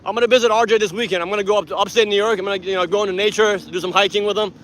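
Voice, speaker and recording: Tired, rambling man in his 40s from Iran, vlogs outdoors; high, bright voice, faint traffic behind. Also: very fast. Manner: rambling, animated, laughs often. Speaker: activist vlogger. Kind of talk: casual vlog to camera. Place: city street outdoors.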